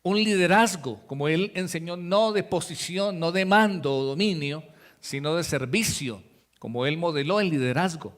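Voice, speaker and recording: A pastor preaches a sermon in a conversational way, addressing his congregation directly and acting out the voices he quotes. His voice is fairly high-pitched and fairly bright, at a moderate pace.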